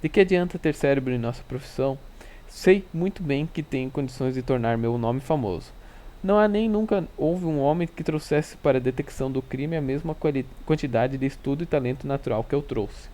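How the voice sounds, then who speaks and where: A man's voice: mid-range voice, a little fast, dark tone, lightly acted. A man reading the lines of an arrogant male detective in a dry, scornful manner.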